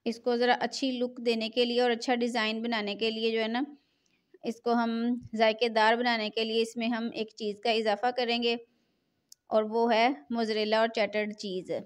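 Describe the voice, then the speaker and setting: Cooking host: middle-aged woman, fairly high voice, chatty and repetitive. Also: flat delivery, normal speed, clean tone. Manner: chatty, repeats filler phrase "jo hai na". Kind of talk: cooking tutorial voice-over.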